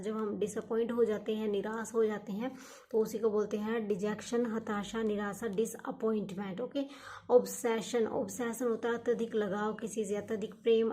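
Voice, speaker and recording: Woman teacher going over vocab words, mellow voice, keeps repeating stuff, asks herself questions. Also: mid-range voice. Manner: repeats each word and meaning many times, asks and answers her own questions; encouraging, urges students to study hard. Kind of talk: exam-prep vocabulary lesson.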